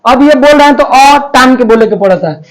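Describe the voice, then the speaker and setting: High-voiced folksy male teacher. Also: lively intonation, fairly quick, low-quality recording. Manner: folksy, playful, drops into Bhojpuri-flavored dialect with quiz-style questions. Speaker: Hindi grammar teacher. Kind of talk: exam-prep lesson.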